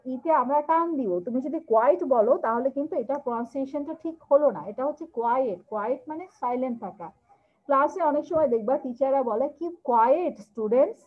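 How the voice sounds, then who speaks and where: A woman teaching English vocabulary to children, explaining words and drilling them with slow, drawn-out repetitions. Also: sits high. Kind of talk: classroom lesson explaining vocabulary. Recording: tinny lo-fi phone-like recording.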